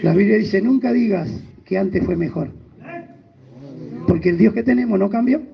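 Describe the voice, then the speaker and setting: Pastor, very high gravelly voice, emphatic sermon, dull lo-fi church recording. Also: male voice, moderate pace. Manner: emphatic preaching with sudden rises and drops.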